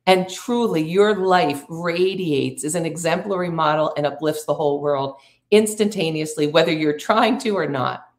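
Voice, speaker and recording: Gravelly low-voiced woman, slow and soothing. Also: reverberant. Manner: slow, drawn-out, reflective phrasing with breathing cues. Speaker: podcast host and spiritual coach. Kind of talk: soothing inspirational talk.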